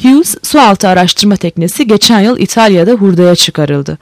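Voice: medium pitch, lively intonation, moderate pace, no room sound, lightly acted. A reader voicing a male navy officer who is formal, respectful and firm.

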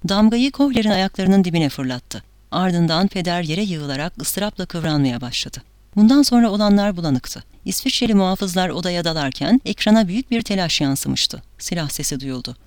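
A woman narrating an audiobook with a dramatic, measured delivery. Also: fairly low pitch, a little mellow, no room sound.

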